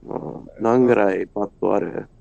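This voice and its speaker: A man's voice: fairly low pitch, quick pace, creaky, a little mellow, dry recording, dull audio. A man joking around on a casual livestream, swearing and making wisecracks. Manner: joking and profane.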